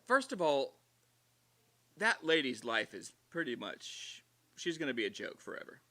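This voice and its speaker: A man co-hosting a casual livestream, loud, excitable and swearing freely. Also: medium pitch, a little slow. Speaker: co-host.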